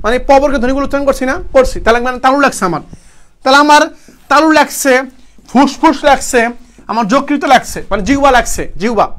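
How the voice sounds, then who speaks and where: A young man leads an online live class for university admission. His voice sits very high for a man, and he keeps quizzing students with short repeated questions before giving the answers himself. He closes points with encouragement to keep trying. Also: fairly quick, a bit bright. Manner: encouraging, motivational. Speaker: university admission coaching teacher.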